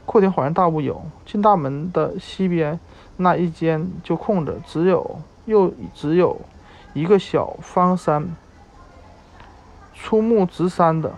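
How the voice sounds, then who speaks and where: Man reading a story slowly. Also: fairly high pitch, a little mellow. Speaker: narrator.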